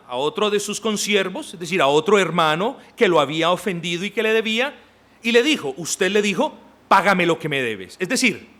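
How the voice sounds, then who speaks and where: A man preaching in a church, his fairly high voice rising and falling widely. He speaks emphatically and turns often to his listeners, telling them what each part means for them. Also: fairly bright tone. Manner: emphatic, addresses the congregation directly. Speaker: pastor. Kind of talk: sermon.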